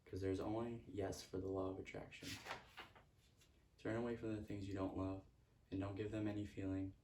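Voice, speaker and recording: A man's voice: sits low, flat delivery, normal speed, warm tone, distant mic, slight background noise. A man giving a motivational self-help talk, repeating earnest affirmations. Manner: earnest, repetitive affirmations with stray laughs. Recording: echoey room, speaker off-mic.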